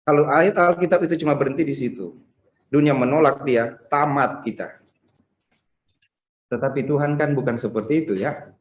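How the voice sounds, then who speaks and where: A man's voice: mid-range voice, normal speed, pauses often, muffled recording. A man preaching a Sunday sermon, firing off rhetorical questions and acting out the people who question him. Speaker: pastor. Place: church. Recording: roomy church sound over video call.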